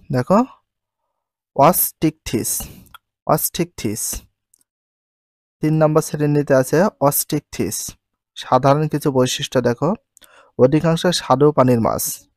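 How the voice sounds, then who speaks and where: A male teacher with a Bangladeshi Bengali accent, drilling textbook science terms by asking questions and repeating each answer slowly. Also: fairly high pitch, a little mellow, no room sound. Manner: mixes English words into his teaching.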